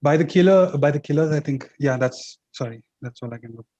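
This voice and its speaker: A man's voice: on the high side, fairly quick, mellow, highs cut off. A man answering as a quiz contestant over a video call with choppy, cutting-out audio, speaking hesitantly and unsure. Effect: breaking-up online call audio.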